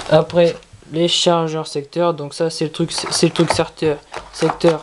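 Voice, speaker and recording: A product reviewer talking casually through an unboxing in a halting, repetitive way. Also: mid-range voice. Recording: clearly noisy with handling clicks.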